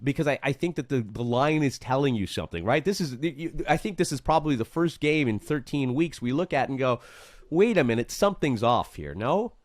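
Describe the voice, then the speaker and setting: A man's voice: medium pitch, lively intonation, fairly quick, few pauses, no room sound, studio quality. A man hosting a sports betting chat, emphatic, asking rhetorical questions and repeating points for effect. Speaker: sports betting show host. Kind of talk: casual betting-picks chat.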